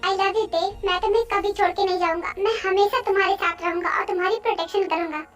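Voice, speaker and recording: A woman in an amateur fan dub voicing a devoted young male boss who pleads earnestly, with clear music behind. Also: extremely high pitch, fairly even intonation, quick pace, recorded from a distance. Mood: tender. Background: clear background music.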